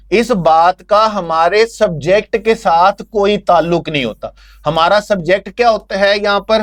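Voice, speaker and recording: A male teacher with a Pakistani Urdu accent going through exam answers, who asks his own questions and answers them and calls the students "bete". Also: sits high. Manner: calls students "bete", reads English options slowly. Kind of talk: exam answer discussion lesson.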